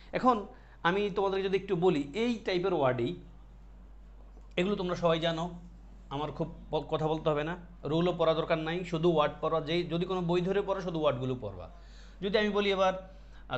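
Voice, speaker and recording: A man with a fairly high voice teaches an online grammar class. He explains each point slowly, repeats the key words and puts questions to his students. The audio is muffled and dull. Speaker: English teacher.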